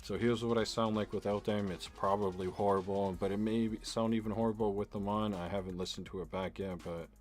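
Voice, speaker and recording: This young Canadian tech tutorial YouTuber has a naturally low, slightly mellow voice, with fairly even intonation, a somewhat quick pace and few pauses. He casually rambles through a screen-recorded setup walkthrough step by step, often saying "uh" and "basically". Faint music plays behind him in his home room with a bar fridge.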